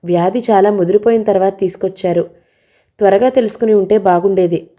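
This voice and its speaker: A woman's voice: mid-range voice, a little fast, mellow, close to an everyday voice. A woman voicing a cautious older male doctor who speaks in a hesitant, matter-of-fact way. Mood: measured.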